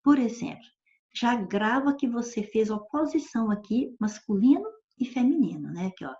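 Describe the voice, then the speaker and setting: A woman's voice: on the high side, lively intonation, normal speed, dark tone. A woman teacher, explaining grammar in a patient classroom lecture and often checking that students follow. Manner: patient, checks understanding with frequent questions. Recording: dull lo-fi recording.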